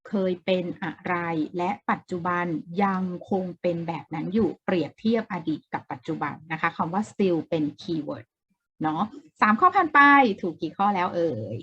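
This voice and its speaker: A woman's voice: lowish voice, moderate pace, slightly rough, highs cut off. A woman teaching an English exam-prep lesson in a casual way, explaining step by step, repeating key words and asking the viewer questions.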